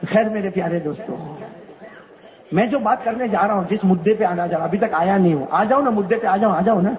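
A male preacher giving a storytelling sermon, animated and rhetorical, calling on the audience to answer back. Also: sits high, highs cut off.

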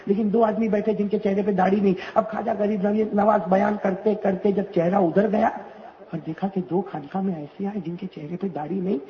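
A male preacher giving a storytelling sermon, animated and rhetorical, calling on the audience to answer back. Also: high voice, dull audio.

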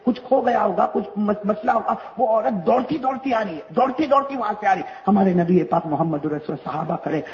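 A male preacher giving a storytelling sermon, animated and rhetorical, calling on the audience to answer back. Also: high voice, few pauses, lo-fi sound.

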